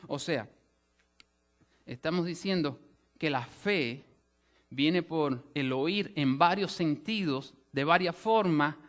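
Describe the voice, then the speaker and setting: Spanish-speaking pastor with a fairly high voice. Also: male voice, fairly bright tone. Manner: explanatory teaching with frequent restarts and "o sea" asides. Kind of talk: sermon. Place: church sanctuary.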